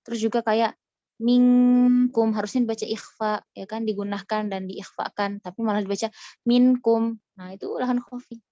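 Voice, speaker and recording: A woman's voice: mid-range voice, steady tone, quick pace, few pauses, darkish tone, dry recording, lo-fi sound. A woman teaching an online recitation lesson in a chatty way, often demonstrating right and wrong readings.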